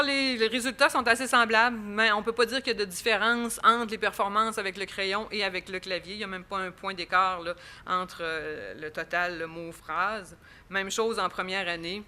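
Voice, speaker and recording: A woman's voice: mid-range voice, steady tone, normal speed, sharp tone. A woman with a Quebec French accent presenting research at an academic conference, explaining step by step with frequent fillers and restarts.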